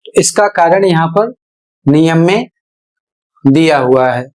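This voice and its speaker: Slow, deliberate male teacher spelling words. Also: fairly high pitch, expressive, darkish tone, poor audio. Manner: deliberate, spells out words letter by letter, asks and answers his own questions. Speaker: English pronunciation teacher. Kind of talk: classroom-style lesson at a board.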